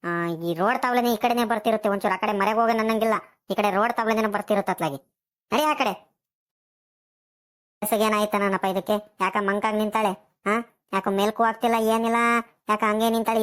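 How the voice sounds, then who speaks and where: A woman's voice: mid-range voice, steady tone, normal speed, close to an everyday voice. A woman voicing a fussy, worried old village grandmother. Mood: fussing. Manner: coaxing, worried.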